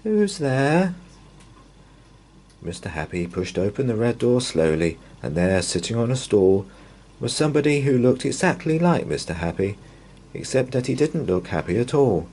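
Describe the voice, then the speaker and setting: A man with a voice on the low side reads a bedtime story aloud to young children. As storyteller, he stretches out his phrasing in a measured, expressive way.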